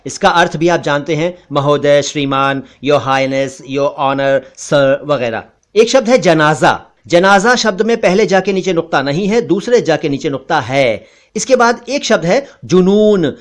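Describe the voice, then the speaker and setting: A middle-aged man teaching word pronunciation slowly and deliberately, repeating each word for clarity. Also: a little high. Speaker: language teacher. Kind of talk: pronunciation lesson voice-over.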